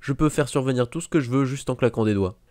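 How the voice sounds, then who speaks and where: A man's voice: mid-range voice, quick pace, darkish tone, voice pushed up, natural voice. A man reading as an earnest young boy wizard. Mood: wry. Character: eleven-year-old boy wizard, clever, intense.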